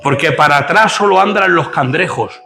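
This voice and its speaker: Man, pastor, sermon, gravelly, fairly high voice, music underneath. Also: expressive, moderate pace, pushed and bright. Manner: preaching with rising intensity and rhetorical questions.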